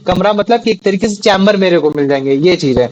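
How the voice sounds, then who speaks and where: A man's voice: high-pitched, expressive, quick pace, a little mellow, poor audio. A young man teaching a classroom lesson, often repeating questions to check that the students follow. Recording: faint background noise.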